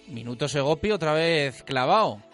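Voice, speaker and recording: A man's voice: on the high side, animated, normal speed, a bit bright. A man with an accent from Spain hosting a casual sports radio show, colloquial, with question tags. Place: radio studio. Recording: music bed behind.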